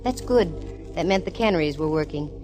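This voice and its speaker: In a 1940s-style radio drama, a woman narrates in first person as a cocky, wisecracking private eye, her manner wry and sardonic. She speaks at a moderate pace in a low-pitched voice with lively intonation. The vintage 1940s-50s radio recording is poor quality, with music playing underneath.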